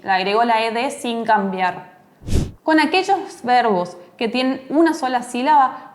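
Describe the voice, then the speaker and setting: A woman giving a recorded English class, explaining step by step and slowing down to model each English word. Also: on the high side. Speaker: English teacher.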